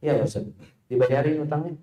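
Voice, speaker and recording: A man preaching a sermon and answering questions, leaping into a high voice for emphasis. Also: brisk, lo-fi sound. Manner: animated, jumps to high pitch for emphasis. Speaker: Islamic preacher. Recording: echoey hall.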